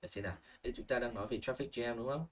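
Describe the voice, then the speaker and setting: Brief: young male language teacher on a video call, lively and coaching, a little far from the mic, typing heard. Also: mid-range voice, rapid-fire. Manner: animated, models phrases, checks in with "ok?" and "chưa?". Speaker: IELTS speaking teacher. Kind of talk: online lesson feedback, mixing Vietnamese and English.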